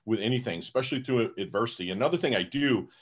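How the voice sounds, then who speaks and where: A fast-talking man with a mid-range, slightly rough voice appears as a guest in an informal podcast interview. He's energetic and upbeat, and "you know" crops up constantly.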